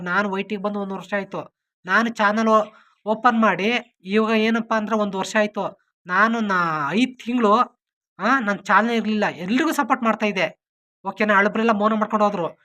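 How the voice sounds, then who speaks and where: A woman vlogger speaks with an earnest, pleading tone and asks "okay?" again and again. Her voice is bright and sharp at a middling pitch. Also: fairly quick. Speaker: YouTuber. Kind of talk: emotional appeal to viewers.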